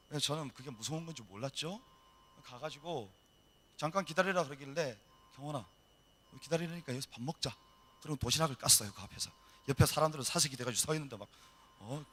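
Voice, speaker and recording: A middle-aged male missionary telling a story in a sermon, acting out the dialogue in a lively way. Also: a little high. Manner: animated storytelling, acts out dialogue. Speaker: missionary preacher. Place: church hall.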